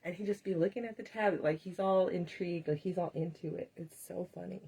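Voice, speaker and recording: A woman's voice: on the low side, steady tone, fast, gravelly, mellow, husky. A woman hosting a live craft demonstration, chatting to viewers and laughing often as she works. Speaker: craft tutorial host.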